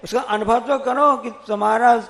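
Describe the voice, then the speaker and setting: A man's voice: extremely high pitch, fairly even intonation, normal speed, creaky, a bit bright, long reverb tail. A man, a monk, giving a sermon, telling stories with acted quotes and repeated phrases. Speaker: Jain monk.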